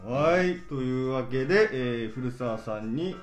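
A man hosting a casual talk show, deliberately lowering his voice as he chats playfully. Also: lively intonation. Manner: playful, easygoing, laughs often. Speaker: radio talk host. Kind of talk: casual podcast chat. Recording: echoey room with faint music.

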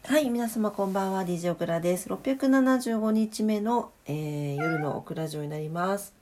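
A woman's voice: mid-range voice, a little fast, a little mellow, a little hiss or hum. A woman hosting a casual late-night solo audio diary, speaking in a polite, chatty, self-deprecating way. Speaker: solo audio diary host, radio-DJ style greeting.

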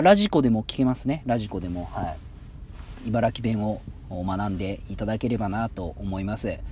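A man from Ibaraki hosting his own podcast, chatting casually with lots of drawn-out fillers. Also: fairly low pitch, warm tone, a little hiss or hum. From Ibaraki, Japan. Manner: chatty, drawn-out fillers, acts out quoted rough dialect phrases. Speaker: podcast host. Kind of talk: casual solo talk explaining local dialect.

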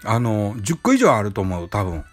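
A man's voice: lowish voice, wildly swooping pitch, moderate pace. A man with a Kansai accent hosting a casual solo talk show, rambling with many fillers and restarts. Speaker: podcast host. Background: faint background music.

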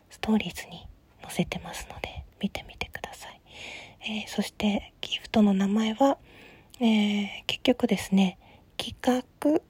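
A woman host whispering softly through a calm late-night solo talk, with many small fillers. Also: on the high side, breathy edge, dry recording. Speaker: podcast host.

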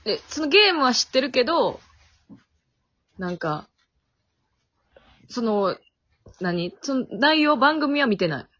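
A woman's voice: high-pitched, sing-song, takes it slowly, long pauses, a bit bright. A young woman with a Kansai accent chatting on a podcast from her family home over a remote call, easygoing and self-deprecating. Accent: Kansai Japanese. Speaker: podcast co-host. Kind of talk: casual chat. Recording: dull lo-fi audio.

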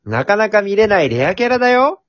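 Man acting a high-voiced, jolly Santa. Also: sing-song, brisk, no echo, muffled recording. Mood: kindly, playful. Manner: polite, theatrical, playful. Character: jolly, earnest, slightly shady Santa Claus. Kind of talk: amateur comedy radio drama acting.

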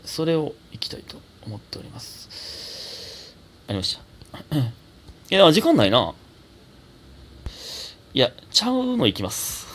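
A young adult comedian with a Kansai accent, hosting a solo casual talk show and reading listener mail in a chatty, self-teasing way. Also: male voice, lowish voice, creaky, slight background noise. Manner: chatty, self-teasing, animated, laughs often. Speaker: comedian podcast host.

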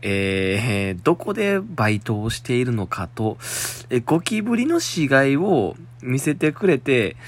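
On his one-man podcast, a young man from Shiga with a Kansai accent rambles about a listener's letter at a measured pace. His medium-pitched voice is very animated. He keeps up a chatty flow, talking to himself and laughing.

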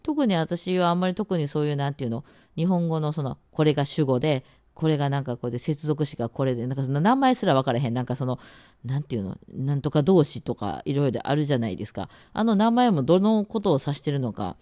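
A chatty woman with an Osaka accent talks through her solo podcast, rambling with lots of fillers. Her pitch swings widely from low to high. The recording is close and dry, with no room sound. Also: lively intonation, quick pace, warm tone, no room sound. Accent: Osaka dialect. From Osaka, Japan. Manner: chatty, rambling, many fillers, tries out words aloud. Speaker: radio talk host and musician. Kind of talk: casual solo podcast chat.

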